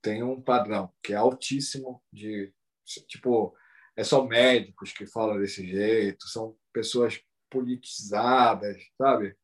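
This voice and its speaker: A man's voice: on the low side, fairly even intonation, unhurried. A Brazilian man talking casually and animatedly, tagging sentences with "entendeu?" and "sabe?". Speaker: Brazilian living in Japan, talking about the language. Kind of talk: casual chat.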